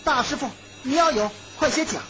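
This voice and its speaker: A woman storyteller voicing a lively young concubine who coaxes playfully. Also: high voice, fairly quick, voice pushed up, natural voice. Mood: coaxing. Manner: coaxing, playful. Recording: dull lo-fi recording with music.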